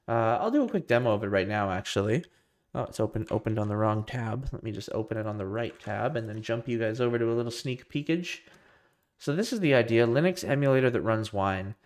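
A young man at the tail end of a cold talks casually to his live stream from a home room with a computer rack, his voice nasal. He rambles loosely and self-deprecatingly with many restarts, speaking fairly quickly in an expressive, medium-pitched voice.

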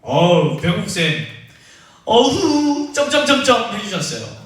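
Lively young man teaching kids in an echoey room. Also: high-pitched, slow. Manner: playful, teasing, talks directly to kids by name. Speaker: children's ministry teacher. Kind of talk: online Sunday school lesson for children. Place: church room. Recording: echoey, distant from the mic.

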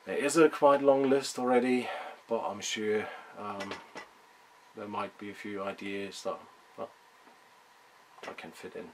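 A man in his thirties hosting a casual update from his small workshop, talking to a close camera in a relaxed, slightly hesitant way. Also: lowish voice, a little slow, pauses often, noisy background. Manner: relaxed, a bit hesitant, with fillers. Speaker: woodworking channel host. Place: small cluttered workshop, indoors. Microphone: camera close at arm's length, mic clipped near the collar.

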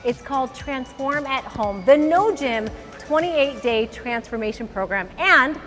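Enthusiastic woman, high voice, long studio reverb, soft music bed. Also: lively intonation, a little slow. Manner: bubbly, enthusiastic, emphatic. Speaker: fitness coach co-host. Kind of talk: scripted promo pitch. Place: large bright indoor studio. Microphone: lapel mic.

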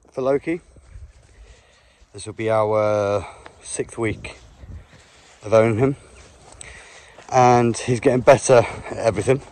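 A man's voice: mid-range voice, a little mellow. Breathless man vlogging on a walk. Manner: chatty, laughs often while handling the puppy. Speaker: vlogger, dog owner. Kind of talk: casual vlog talk to camera. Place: open field outdoors.

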